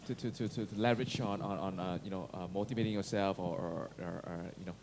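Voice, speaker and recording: A man's voice: deep voice, fairly even intonation, quick pace. A man moderating a panel discussion, stammering and repeating words as he forms a question. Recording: distant, noisy mic.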